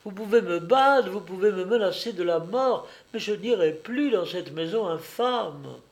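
A man's voice: high-pitched, animated, measured pace, voice pushed up. A man reading aloud and voicing a desperate young blind slave girl who pleads through tears. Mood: defiant. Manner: pleading, tearful.

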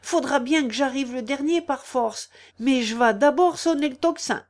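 A lame old village sacristan with rustic country speech, as a woman reader puts him on. His voice sits high and strained, and he talks fast and loud. It comes from a storybook reading. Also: lightly acted. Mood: anxious.

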